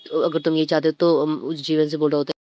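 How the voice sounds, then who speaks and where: A man casually retelling a comic story, rushing through quoted lines and fillers. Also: a little high, level tone, no echo. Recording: dull dry lo-fi sound.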